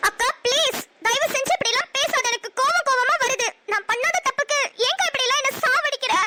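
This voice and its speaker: A woman's voice: very high-pitched, quick pace, sharp tone, slight background noise, voice pushed up, heavily acted. A woman voicing a young woman who pleads with her older sister in a cartoon series. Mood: upset.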